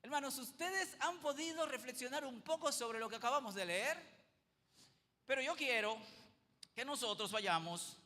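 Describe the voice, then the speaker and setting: Male pastor, high bright tenor, emphatic sermon storyteller, long church reverb. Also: lively intonation, moderate pace. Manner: emphatic storytelling with rhetorical questions. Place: church sanctuary.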